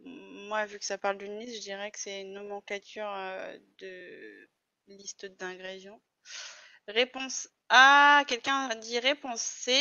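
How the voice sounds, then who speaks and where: A woman's voice: mid-range voice, fairly even intonation, slow pace, bright, forceful tone, no room sound, highs cut off. A woman moderating a quiz, playfully reading out the answer options.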